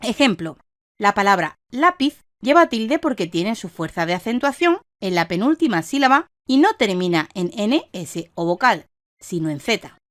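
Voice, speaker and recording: A woman reading a scripted instructional lesson in a measured, didactic way, stressing each example word. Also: mid-range voice, big pitch swings, no room sound, clean studio sound. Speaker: online course narrator.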